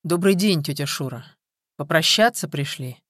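A man's voice: fairly high pitch, fairly even intonation, normal speed, dry recording, clean studio sound, close to an everyday voice. The narrator voicing a young man who speaks in an annoyed, defensive way. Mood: irritated.

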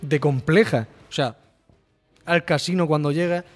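A man with a fairly high voice hosts a casual gaming podcast. He retells scenes with gusto and salts his chat with swearing. His tone is loose and chatty. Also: unhurried, faint music behind. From Murcia, Spain. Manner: animated storyteller, swears freely. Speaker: podcast host. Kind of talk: casual chat about video games.

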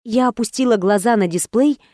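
Woman, audiobook narrator, first-person, emotional and earnest, fairly high voice, dry close studio sound. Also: a little fast, mellow, dry recording.

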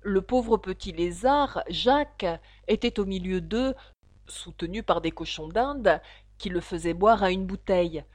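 A woman narrating a children's storybook with expressive, animated reading. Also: medium pitch, measured pace, dry recording. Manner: expressive reading, voices for each figure. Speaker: audiobook reader.

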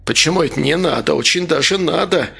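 A man voicing a crude, cynical little man who speaks in a slow, mocking, unhurried way. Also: on the high side, vocal fry, sharp tone, slightly rough, exaggerated voice. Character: crude, cynical small man with back pain.

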